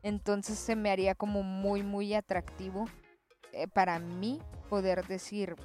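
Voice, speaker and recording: A woman's voice: mid-range voice, level tone, unhurried, a little mellow, faint music behind. A young woman with a Mexican accent in casual, slangy conversation, swearing freely. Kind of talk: casual chat.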